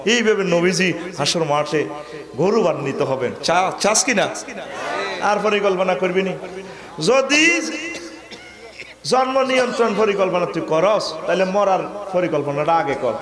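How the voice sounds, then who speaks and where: High-pitched preacher man shouting to a crowd. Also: measured pace, pauses often, reverberant. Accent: Comilla Bangla. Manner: humorous, shouting, acts out women's voices. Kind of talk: Bangla waz sermon. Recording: crowd audible behind.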